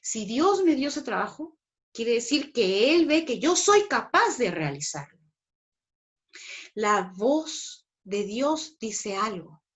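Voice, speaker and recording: A woman with a Peruvian Spanish accent teaches a sermon in an emphatic style. Her voice sits fairly high, and she acts out the inner voices of doubt and faith as she talks. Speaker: preacher.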